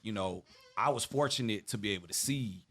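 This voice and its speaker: Host, male, low voice, easygoing questioner. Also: fairly quick, slightly rough. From Atlanta. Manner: relaxed, leading questions. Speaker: podcast host. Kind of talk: casual interview chat.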